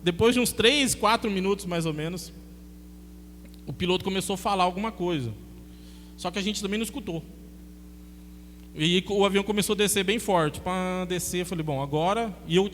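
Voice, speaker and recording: A Brazilian pastor with a high-pitched voice, preaching in a chatty, animated storytelling manner and acting out conversations. His voice carries a long church-hall reverb. A faint hum sits underneath. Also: brisk. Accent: Brazilian Portuguese. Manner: chatty, animated storyteller who acts out dialogue. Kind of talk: sermon with personal storytelling.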